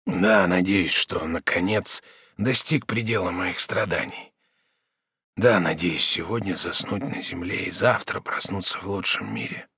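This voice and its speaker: A worn-out old prisoner near death, voiced by a man reading a novel aloud, speaks in a slow, sighing murmur. The voice drops low and quiet, with a dry close studio sound. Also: slightly rough, no room sound, full character voice. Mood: resigned. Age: 60s. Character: dying old male prisoner, weary and resigned. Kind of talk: audiobook character reading.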